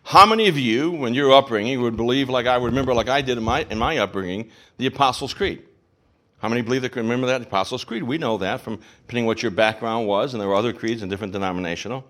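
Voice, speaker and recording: A pastor teaching a sermon, asking rhetorical questions and repeating phrases for emphasis. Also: male voice, medium pitch, quick pace, a bit bright.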